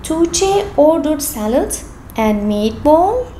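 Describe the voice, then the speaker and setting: A woman teaching English, Turkish by first language, goes through a paper worksheet at her indoor desk, reading the questions and explaining the answers one by one. Her high voice is sing-song, slow and dark in tone, heard in an echoey room with a little hiss or hum.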